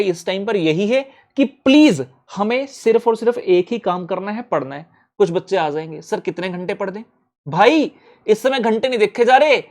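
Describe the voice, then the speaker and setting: Blunt, urgent male exam coach. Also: high voice. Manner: blunt and urgent, mixing Hindi with English. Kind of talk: motivational talk to students.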